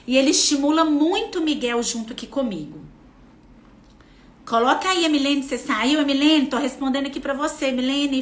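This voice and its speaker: High-voiced Brazilian woman in an echoey room. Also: fairly bright tone. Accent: Brazilian Portuguese. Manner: chatty, addresses viewers by name, acts out family dialogue. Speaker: neuropsychopedagogue hosting a live stream for mothers. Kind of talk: casual live advice talk. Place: home.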